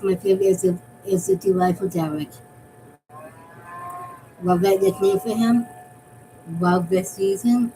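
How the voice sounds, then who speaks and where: Woman from Massachusetts, casual fan chat, mid-pitched, rambling delivery, faint rumble behind. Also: darkish tone, rough recording. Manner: rambling, repeats and restarts phrases. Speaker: fan vlogger.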